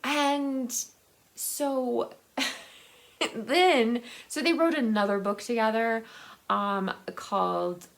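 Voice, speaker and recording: A book vlogger talks casually without a script, speaking haltingly while she thinks aloud and rephrases. Her voice is fairly high-pitched and creaky.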